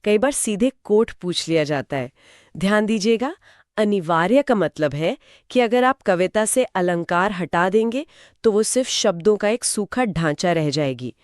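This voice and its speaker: A woman's voice: medium pitch, expressive, measured pace, dry recording. Woman explaining grammar in a dry booth. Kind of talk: scripted two-voice exam lesson.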